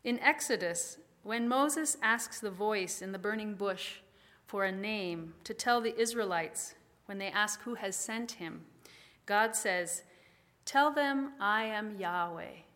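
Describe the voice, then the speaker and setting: A woman preaching a calm, measured sermon and guiding listeners through slow breathing exercises. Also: mid-range voice. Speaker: pastor.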